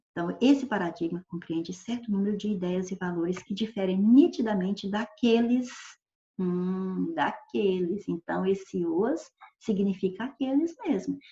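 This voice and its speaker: A woman teacher talks through a grammar lesson with patience, working through examples and checking in with "right?" as she goes. Her voice is mellow and relaxed. The recording is dull and lo-fi in a roomy, echoey space. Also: mid-range voice. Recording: echoey room, dull lo-fi sound.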